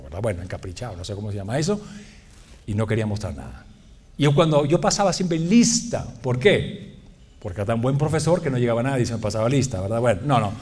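Male preacher, humorous storyteller, lively delivery, slightly high, faint ambient hiss. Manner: animated, joking, often laughing at himself.

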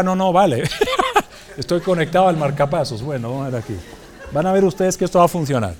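A man preaching to a congregation, telling a funny personal story with lots of laughter. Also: on the high side. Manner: animated, joking, often laughing at himself. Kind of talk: humorous sermon storytelling.

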